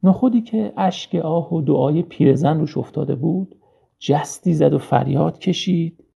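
A man narrating a children's storybook in a slow, gentle storytelling manner. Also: on the high side, creaky, breathy edge. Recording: dull lo-fi recording.

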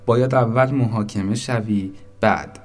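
A man voicing a kind chief angel who speaks in a gentle, measured way. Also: on the low side, close to an everyday voice. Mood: kind, firm.

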